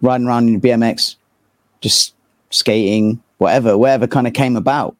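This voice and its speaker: A metal band vocalist in his thirties from England, with a southern English accent, chats casually as an interview guest, informal, rambling and hesitant. His mid-range voice stays fairly even and moves a little fast, captured in a dry, clean studio recording.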